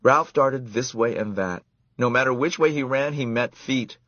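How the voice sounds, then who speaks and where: A man reading a children's story aloud in an expressive, animated way. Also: medium pitch, normal speed, dry recording. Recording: dull lo-fi dry recording.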